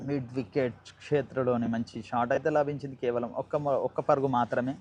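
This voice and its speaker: A man's voice: mid-range voice, steady tone, quick pace, a little mellow, highs cut off. A man with a Telangana Telugu accent giving live cricket commentary, repeating and rephrasing himself and mixing in English cricket terms.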